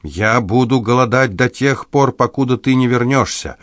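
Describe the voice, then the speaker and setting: A man voicing a self-pitying, pompous husband who whines in a slow, drawn-out, nasal voice in an audiobook. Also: mid-range voice, fairly bright tone, dry recording, studio quality, pitched above the performer's own voice, close to an everyday voice. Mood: pleading.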